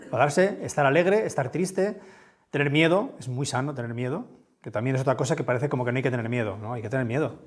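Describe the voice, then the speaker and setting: A man from with a big, booming voice gives a conference talk in a lecture room, speaking conversationally and often checking in with his listeners. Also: fast. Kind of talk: conference talk with audience questions.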